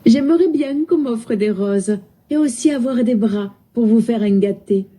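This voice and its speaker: Brief: a smart-speaker assistant , a synthetic woman's voice, hamming up a southern French accent, folksy and playful, dark, husky tone. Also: fairly high pitch, a little slow, pitched above the performer's own voice. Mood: jovial.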